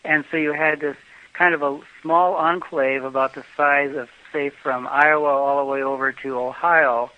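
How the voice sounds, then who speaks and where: Telling travel stories in a casual interview, this older American man wanders, restarting often and leaning on fillers as a travel guest. His voice is a little high, steady in tone, at a moderate pace, heard through dull lo-fi podcast sound.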